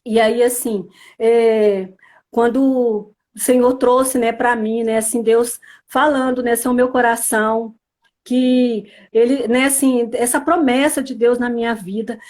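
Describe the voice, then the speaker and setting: Brazilian woman from espirito santo telling her church testimony, high voice, earnest, lots of little fillers. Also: fairly even intonation, a little slow, a little mellow. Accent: Brazilian Portuguese, Espírito Santo. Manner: earnest storytelling, filled with "né, assim". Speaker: church member giving testimony. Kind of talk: spoken religious testimony.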